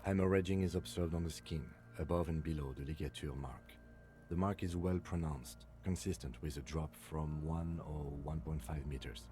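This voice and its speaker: An actor playing a calm, precise police lieutenant who speaks in a dry, clinical, measured way. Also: male voice, rumbling low, a little hiss or hum.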